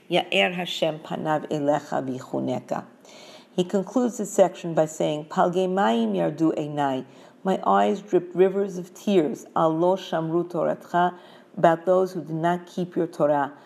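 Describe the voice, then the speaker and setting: Woman teaching verse by verse, kinda low and gravelly, slow careful reading. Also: a little mellow. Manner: reads verse in Hebrew, then explains in English. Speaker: Torah teacher. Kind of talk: measured scriptural lesson.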